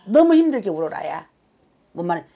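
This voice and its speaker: A woman's voice: on the low side, sing-song, a little fast, dark tone. A woman fortune-teller giving a reading to clients, talking emphatically and scolding, often tagging her phrases with a questioning "eh?". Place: fortune-teller's consultation room.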